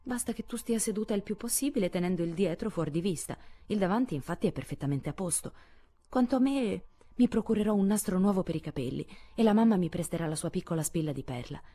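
A woman's voice: fairly low pitch, expressive, fast, warm tone, slightly rough, voice pushed up. A woman reading an audiobook, voicing a fussy, proper sixteen-year-old girl who frets about appearances. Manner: anxious, insistent about appearances.

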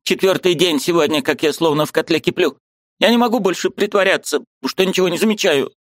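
A man's voice: high voice, a little fast, no room sound, studio quality, pitched above the performer's own voice, close to an everyday voice. A man voicing an old woman, a fussy, agitated aunt who exclaims, pleads and repeats herself in an audiobook.

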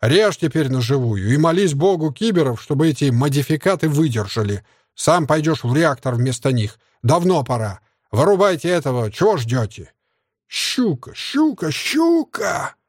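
A man's voice: mid-range voice, lively intonation, normal speed, no echo, clean studio sound, lightly acted. A man voicing a brutish, cannibal cyborg gang boss who gloats, sneers and roars in an audiobook. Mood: roaring. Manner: gloating, sneering, roaring, with braying laughs. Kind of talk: audiobook character voice.

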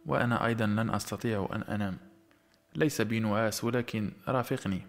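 A man reading the lines of an emotional young woman in an audiobook, in his own low voice with an earnest, pleading manner. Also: fast talker, soft background music, close to an everyday voice. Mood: tender.

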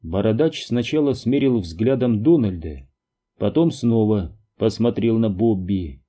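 A man reading an audiobook aloud in a scripted, expressive storytelling style. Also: on the low side, unhurried. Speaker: audiobook reader. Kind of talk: scripted narration.

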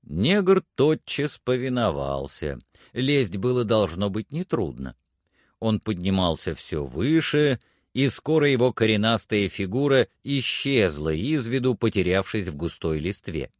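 A man narrates a story slowly and deliberately. His pitch moves lively through each phrase, and the recording is dry, with no room sound. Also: dry recording. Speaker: audiobook reader. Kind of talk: scripted narration.

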